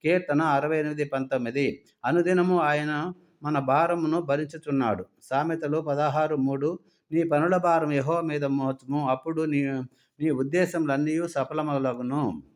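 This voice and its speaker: A man preaching a sermon, earnestly reciting scripture references in quick runs. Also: fairly high pitch, fairly even intonation.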